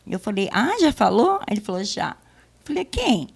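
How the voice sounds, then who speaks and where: A middle-aged woman giving a church testimony, telling her story in a casual, lively way and acting out the dialogue. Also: mid-range voice, normal speed, gravelly, slightly rough.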